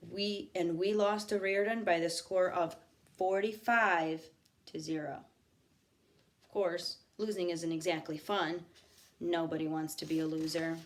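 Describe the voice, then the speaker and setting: A woman teacher reading a novel aloud to her students, expressive, pausing for asides to the class. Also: on the low side.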